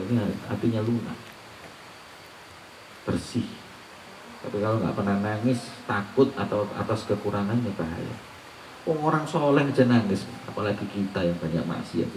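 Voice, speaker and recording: Recorded from a distance in a roomy, echoing space with a little hiss or hum, a preacher delivers an Islamic sermon. His fairly low, slightly mellow voice moves at a moderate pace and pauses often as he quotes Arabic recitations, teaches colloquially, and asks rhetorical questions.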